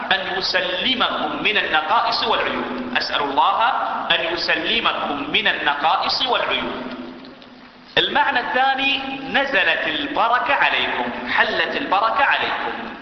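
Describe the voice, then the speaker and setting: A man's voice: sits high, lively intonation, a little fast, slight background noise. A man giving a religious lesson, often repeating key phrases and putting questions to his listeners. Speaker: religious teacher. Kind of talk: religious lesson to a seated audience. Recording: echoey hall, dull sound.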